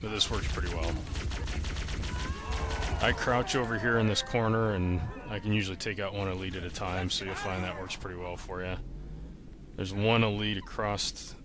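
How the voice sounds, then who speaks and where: The narrator of this game walkthrough is a man with a deep voice, fairly even intonation and normal speed. He explains matter-of-factly in a relaxed, casual instructional style, over a noisy recording with game sound behind.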